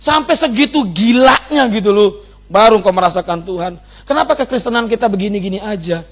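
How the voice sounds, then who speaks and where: A male pastor preaching a sermon, rising at times into impassioned shouts and cries. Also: sits high, lively intonation, fairly quick.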